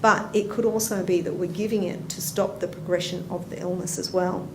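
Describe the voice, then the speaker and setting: A fairly low, fairly even voice moves at a fairly quick clip. It belongs to an Australian woman, a nurse educator whose conference talk is anecdotal and conversational, who asks the audience questions amid the background noise of a roomy hall.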